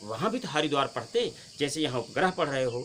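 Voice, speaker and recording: A man's voice: medium pitch, sing-song, quick pace, a bit bright, slight background noise. A man giving a spoken spelling lesson outdoors, explaining step by step and addressing viewers as friends. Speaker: Hindi teacher. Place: outdoors in nature.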